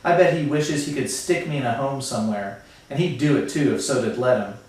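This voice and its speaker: A man's voice: mid-range voice, brisk, lightly acted. A hurt, bitter teenage boy, told earnestly in a mid-range voice, as a man reads him. The voice sounds distant, with heavy room echo. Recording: very echoey room, far from mic.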